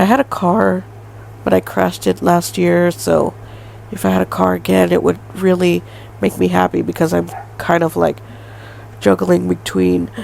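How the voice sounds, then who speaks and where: A woman's voice: fairly low pitch, gravelly, a little mellow, a little hiss or hum, low-quality recording. A woman in her twenties hosting a solo podcast, talking in a rambling way with lots of fillers and hedges. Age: 20s. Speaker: podcast host. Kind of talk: casual solo podcast monologue.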